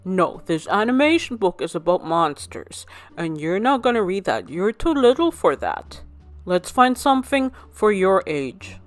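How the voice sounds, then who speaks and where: A woman's voice: medium pitch, very animated, unhurried, no room sound, soft background music. A woman doing a blunt, grumpy big brother. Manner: blunt, impatient. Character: grumpy older brother, preteen boy.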